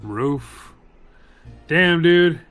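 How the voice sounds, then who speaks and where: A man with a slightly high voice gives casual gameplay commentary. He mutters sarcastic asides and swears freely. Game music plays faintly behind him. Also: animated, very slow, a bit bright. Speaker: let's play commentator.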